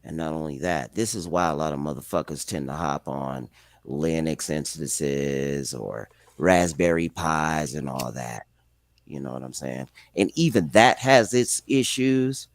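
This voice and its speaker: A man's voice: extremely low pitch, animated, unhurried, creaky, dry recording. A man in casual chat who talks laid-back in street slang and swears freely.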